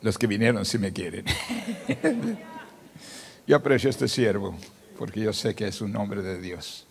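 A man's voice: fairly low pitch, lively intonation, measured pace, creaky, big-room sound, slight background noise. An older man, a pastor, telling his story in a sermon and acting out the dialogue. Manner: storytelling, acts out dialogue, grows loud and emotional. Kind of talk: sermon testimony.

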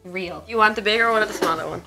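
A woman's voice: medium pitch, quick pace, creaky, bright, forceful tone. An Irish woman chatting playfully while tasting pastries. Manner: playful, jokey. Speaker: taste tester. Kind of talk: casual chat. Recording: music playing underneath.

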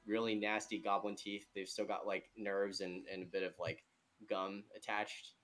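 A man's voice: on the low side, little pitch movement, normal speed, a bit bright. A man narrating a tabletop game off the cuff as game master, in a casual way.

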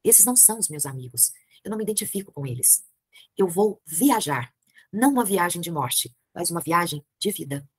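A woman's voice: lowish voice, expressive, brisk, breathy edge, no echo, clean studio sound. A Brazilian woman reading a novel aloud, voicing a young woman who speaks earnestly and firmly. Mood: resolute. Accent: Brazilian Portuguese.

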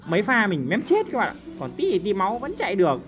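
A man doing lively, teasing commentary over his own gameplay, with mouth sound effects and sudden shouts. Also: high-pitched, fast, over music. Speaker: gaming YouTuber. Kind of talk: live game commentary.

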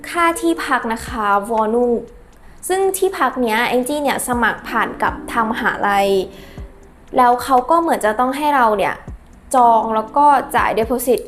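A young woman, an exchange student, explaining her plans in a chatty, unhurried vlog full of small fillers. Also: fairly high pitch, expressive, a little hiss or hum. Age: young adult.

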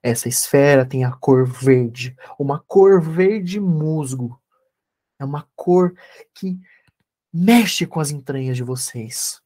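Guy therapist on a video call, slow calm meditation guiding, repeats himself a lot, warm low-key voice. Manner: calm, repetitive guiding instructions. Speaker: therapist leading an energy workshop. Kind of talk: online class and guided meditation.

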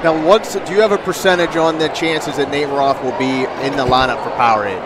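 Headset-wearing host asking long questions. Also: male voice, on the high side, steady tone, fairly quick, crowd noise. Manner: asks long rambling questions. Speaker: sports show host. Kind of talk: postgame interview. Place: high school gym, indoors. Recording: noisy gym background.

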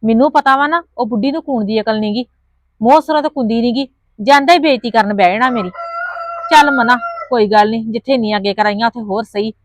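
The actress speaks quickly in a slightly high voice, with no echo around her. Her role in this Punjabi village family drama is a poor mother hosting her in-laws, who pleads humbly with a neighbour and mutters to herself.

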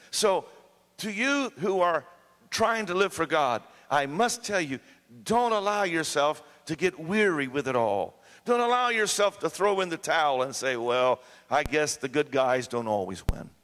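A pastor preaching a sermon to his congregation, swinging from hushed storytelling to rising climactic exhortation. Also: a little high, big pitch swings, moderate pace. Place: church sanctuary. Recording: long church reverb.

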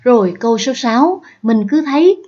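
A woman's voice: a little high, animated, moderate pace, darkish tone, breathy edge, muffled recording. A woman teacher with a Southern Vietnamese accent, patiently explaining exam questions step by step and checking in with her students. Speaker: English teacher. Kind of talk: exam prep lesson.

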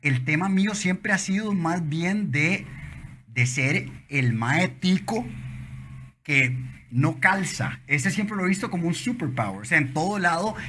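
A Costa Rican man in his forties, his voice a bit high and very bright and forceful. He tells his story impulsively and with animation, often restarting his sentences. He is a guest chatting in an office lounge. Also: lively intonation, measured pace, slight background noise. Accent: Costa Rican Spanish. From Costa Rica. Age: 40s. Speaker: guest entrepreneur. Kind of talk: casual interview chat. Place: office lounge studio, indoors.

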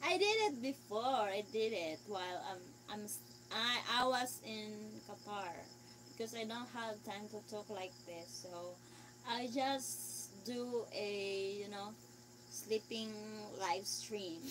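A woman's voice: mid-range voice, takes it slowly, noisy background. A woman chatting casually with viewers on a live stream. She reads their comments aloud, answers in simple phrases and laughs easily.

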